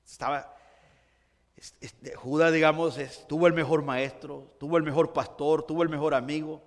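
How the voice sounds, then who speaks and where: A man preaching a sermon as pastor, moving between hushed storytelling and rising emphatic passages. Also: fairly high pitch, fairly even intonation, normal speed, big-room sound. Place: church sanctuary.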